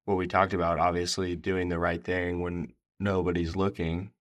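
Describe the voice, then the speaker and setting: A man's voice: low-pitched, level tone, normal speed. A young adult man in casual conversation as a podcast co-host, reflective and searching for his words as he asks questions.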